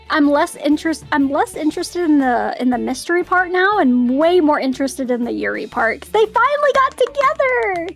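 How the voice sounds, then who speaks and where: A young adult woman with a cute, bubbly anime-streamer manner, giggly, excitable and easily flustered as she chats on a game livestream. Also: high voice, creaky. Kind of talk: livestream chat and reading visual novel aloud. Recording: music behind the voice. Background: music.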